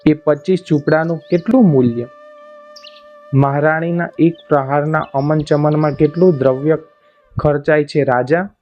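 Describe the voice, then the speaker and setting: A man's voice: on the high side, fairly even intonation, moderate pace, natural voice. A man reading the lines of a haughty, spoiled young queen in an imperious, scornful way. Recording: dull lo-fi audio, faint music.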